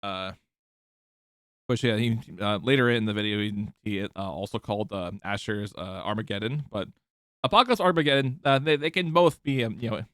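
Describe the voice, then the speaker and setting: Halting, low-voiced man commenting on a clip. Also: fairly bright tone, dry recording, studio quality. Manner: halting, full of fillers and restarts. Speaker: streamer. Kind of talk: casual commentary over a video clip.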